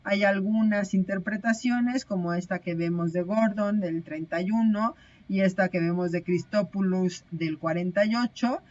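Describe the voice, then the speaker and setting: A woman's voice: mid-range voice, moderate pace, darkish tone, dull audio. A woman teaching a recorded online lecture, explaining step by step with frequent hesitations and self-corrections.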